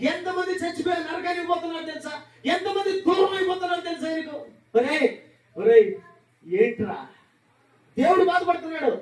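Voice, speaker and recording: A male pastor preaching with impassioned fervor, firing off rhetorical questions and breaking into shouts. His voice sits very high for a man and is picked up from a distance in an echoey church hall. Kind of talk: sermon. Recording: echoey room, distant mic.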